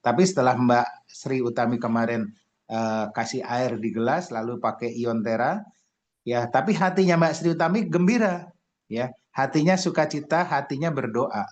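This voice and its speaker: A man's voice: medium pitch, moderate pace, lo-fi sound. A man giving a motivational talk over slides, tagging his sentences with "ya" and restarting words as he goes. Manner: frequent "ya" tags, restarts, acted shouted quotes. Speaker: presenter.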